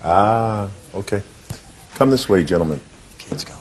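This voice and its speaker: A man's voice: fairly low pitch, expressive, unhurried, heavy background noise. A man working as a court bailiff, making formal announcements and directing people in a courtroom.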